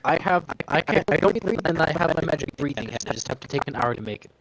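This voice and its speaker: A man playing a tabletop game, talking excitedly and stammering as he explains his plan. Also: fairly high pitch, fast, background noise. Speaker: player. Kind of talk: casual game chat.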